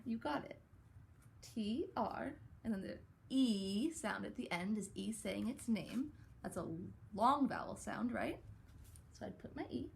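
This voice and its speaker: A young adult woman with a somewhat high, creaky voice teaches small children a writing lesson. She coaxes them gently and sounds out words slowly.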